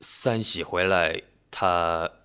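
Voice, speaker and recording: A man's voice: sits low, very slow, bright, forceful tone, smooth, pitched below the performer's own voice, full character voice. A man playing a hesitant anxious village uncle. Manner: hesitant, trailing off. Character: cautious middle-aged village man, anxious.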